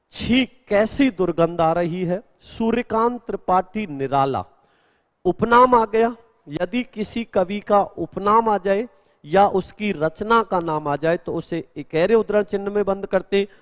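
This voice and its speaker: A man's voice: sits high, lively intonation, a little slow, long reverb tail. A male Hindi grammar teacher in a live exam-prep class, explaining answers step by step and answering students' questions.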